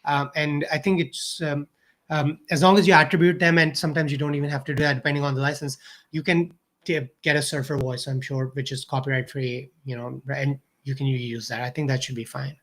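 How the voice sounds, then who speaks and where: A man's voice: a little high, flat delivery, a little fast, fairly bright tone. A man co-hosting a casual livestream chat, offering helpful tips with hesitant uhs. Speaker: co-host.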